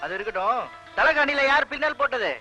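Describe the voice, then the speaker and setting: A man's voice: very high voice, animated, fast talker, bright, forceful tone, soft background music, full character voice. A young actor playing an earnest army-captain son who pleads with his father.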